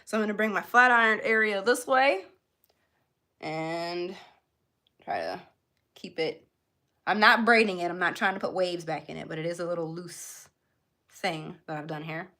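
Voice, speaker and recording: Her lowish voice has a sharp tone, and she keeps a moderate pace broken by long pauses. She hosts a beauty livestream, born in Jamaica and raised in Florida, US, chatting casually and directly with her viewers in a live tutorial.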